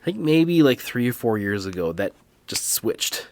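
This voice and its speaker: A man's voice: medium pitch, big pitch swings, moderate pace, darkish tone, a little hiss or hum. A man in his thirties co-hosting a casual podcast, easygoing and often restarting his phrases. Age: 30s. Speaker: podcast co-host. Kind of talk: casual chat.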